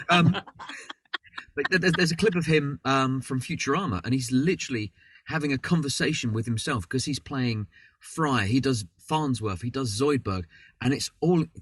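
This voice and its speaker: A man with a London accent, talking as a guest on a podcast call in a loose, rambling way with plenty of "sort of" and restarts. His voice is a little husky and dry, and he sounds set back from the mic. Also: medium pitch, normal speed, pauses often, no echo, recorded from a distance. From London, England. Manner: rambling, chatty, self-deprecating with many fillers. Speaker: voice actor guest. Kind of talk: casual interview chat. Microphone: video call.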